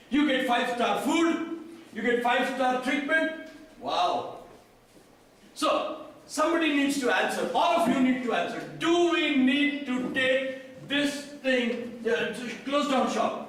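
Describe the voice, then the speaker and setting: Indian man, very high voice, conference speaker peppering the room with questions, distant mic in a booming hall. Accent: Indian English. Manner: quizzes the audience, then repeats their answers. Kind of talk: interactive talk to an audience. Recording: echoey hall from a distant mic, faint noise.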